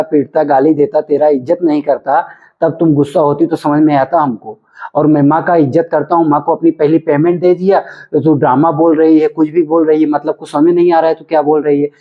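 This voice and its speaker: A man with a fairly high voice scolds and lectures as a husband in a scripted family comedy skit. His voice comes through dull lo-fi home video sound.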